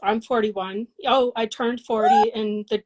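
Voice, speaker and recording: A woman's voice: a little high, steady tone, a little slow, darkish tone, rough recording. A woman in her forties from Colorado, a massage therapist and business owner, talking in a casual interview in an earnest, reflective way with many fillers and restarts. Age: 40s.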